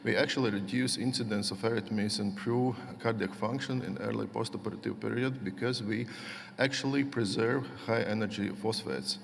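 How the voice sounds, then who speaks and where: A middle-aged man from Latvia giving a conference lecture, speaking haltingly with many fillers and restarts. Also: on the low side, fairly even intonation, gravelly. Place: large conference hall. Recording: long hall reverb.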